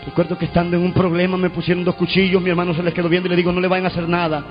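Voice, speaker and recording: High-voiced preacher shouting testimony. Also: male voice, monotone, racing. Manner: shouts proclamations, storytelling with call and response. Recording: dull lo-fi recording with faint music.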